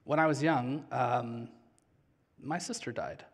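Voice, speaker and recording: A man in his thirties preaching a sermon on a large church stage with a headset mic, earnest and slowing down on key phrases. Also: mid-range voice, husky. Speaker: pastor. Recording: long hall reverb.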